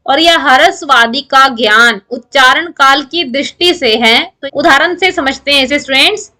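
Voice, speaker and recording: A woman's voice: sits high, moderate pace, bright, forceful tone. A woman giving an online grammar lecture to students, explaining step by step and answering her own questions. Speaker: Sanskrit grammar teacher.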